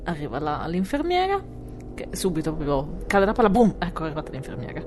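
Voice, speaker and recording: Low-pitched woman chatting about film. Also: wildly swooping pitch, fast, a little mellow. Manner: playful, conversational storytelling. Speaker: podcast co-host. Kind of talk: casual film chat and plot retelling.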